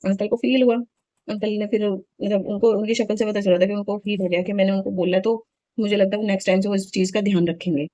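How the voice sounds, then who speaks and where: A woman's voice: medium pitch, little pitch movement, fast talker, mellow, no room sound, muffled recording. A woman in her thirties chatting casually in a home vlog, telling a story in an indignant, talkative way. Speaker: vlogger.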